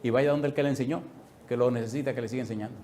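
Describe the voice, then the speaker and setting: A middle-aged male pastor preaching a sermon, telling a personal story with lively acted-out dialogue and frequent laughter. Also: medium pitch, very fast, crowd noise. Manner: animated storyteller, acts out dialogue, laughs often.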